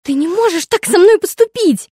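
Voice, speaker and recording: A woman voicing a spoiled, furious eighteen-year-old girl, shrill and whiny as she shouts. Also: lively intonation, normal speed, dry recording, clean studio sound.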